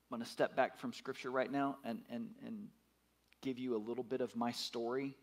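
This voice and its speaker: A man's voice: mid-range voice, fairly even intonation, moderate pace. A man in his fifties preaching a sermon, emphatic, repeating his words and putting questions to the congregation. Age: 50s. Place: church.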